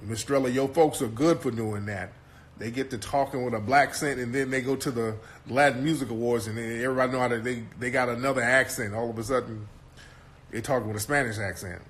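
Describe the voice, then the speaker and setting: A man's voice: mid-range voice, steady tone, fast talker. A man hosting a casual commentary talk in a brash, mocking and profane way. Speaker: host.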